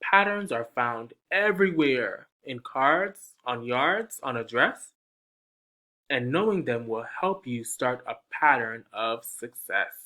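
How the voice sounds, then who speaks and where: Slowly and in a sing-song style, this man reads a picture book to little kids, drawing them in with questions and counting with them. His voice is mid-pitched, bright, and forceful, with lively intonation.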